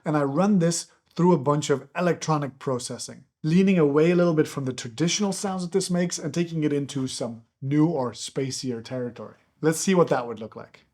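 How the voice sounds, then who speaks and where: A man's voice: a little high, fairly quick, hardly any pauses, a little mellow. A young man from Ireland raised in Belgium, enthusiastically teaching electronic music in a casual video lesson while demonstrating a hand drum. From born in Ireland, raised in Belgium. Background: hand drum hits.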